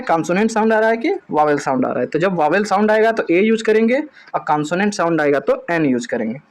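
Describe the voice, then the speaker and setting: Guy w hindi accent doing a grammar lesson, kinda high voice, keeps quizzing then answering himself. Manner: explains step by step, asks himself questions then answers. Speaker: English grammar teacher. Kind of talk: classroom-style lesson.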